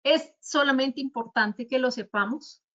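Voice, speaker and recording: A woman's voice: sits high, measured pace, sharp tone, lo-fi sound. A woman with a Colombian Spanish accent explaining spelling rules at a virtual talk, going through examples one by one in a didactic way. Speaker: speaker at a virtual talk on writing. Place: virtual conference.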